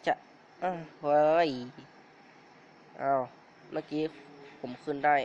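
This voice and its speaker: A man with a cold, short of breath, giving excitable casual commentary on his game as the video's host. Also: on the high side, slow pace, a little hiss or hum. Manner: excitable, frequent startled exclamations. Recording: dull lo-fi recording with clear background music.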